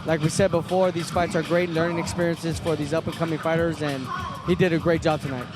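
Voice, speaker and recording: A man giving unscripted boxing analysis in halting, repetitive phrases. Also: on the high side, flat delivery, music in the background.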